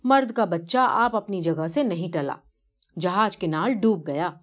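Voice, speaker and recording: A woman's voice: on the low side, lively intonation, lightly acted. A woman voicing a poor, devout elderly man who earnestly tells of his pilgrimage in a story reading, on a dull lo-fi recording. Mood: humble, earnest.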